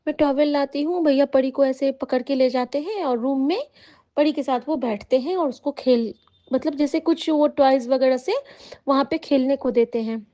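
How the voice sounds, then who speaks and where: A woman, a devotee, recounts a dream to a congregation in halting, rambling speech with many fillers. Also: high voice, mellow, dry recording. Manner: addresses listeners as congregation. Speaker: devotee sharing an experience. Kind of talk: spoken testimony of a dream. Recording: dull lo-fi recording.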